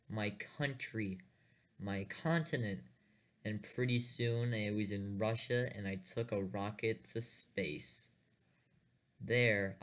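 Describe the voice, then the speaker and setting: A man narrates a comedic horror spoof in a deadpan, mock-dramatic way. He talks slowly in a fairly low voice. He uses stiff, overly formal phrasing.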